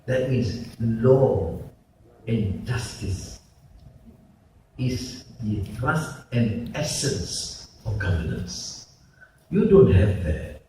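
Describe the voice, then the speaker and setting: A man gives a slow, emphatic conference speech full of pauses. His voice carries through a very reverberant hall and is caught from a distance. A faint hum of noise runs under it. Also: mid-range voice, sing-song, warm tone. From Malaysia. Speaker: conference speaker, politician. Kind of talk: public speech.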